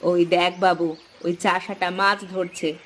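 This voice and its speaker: A woman's voice: fairly low pitch, level tone, takes it slowly, a bit bright, slight background noise, voice pushed down. A woman voicing a haughty rich village mother who looks down on the poor and scolds sharply. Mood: sneering. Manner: scolding, contemptuous.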